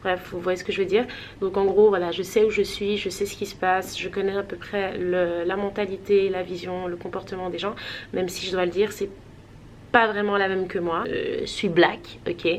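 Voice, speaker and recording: A woman's voice: medium pitch, level tone, normal speed, slight background noise. A woman from Switzerland chatting casually to her vlog viewers, rambling with many hesitations. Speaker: vlogger.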